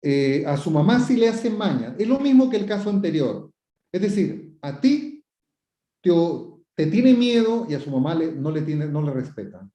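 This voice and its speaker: The speaker is a man with a high-ish, sing-song, dark voice at normal speed, a psychotherapist offering advice to viewers who've sent questions. Many repetitions and rhetorical questions shape his explanations, and he quotes askers and acts out example phrases. Audio is dull, roomy and lo-fi.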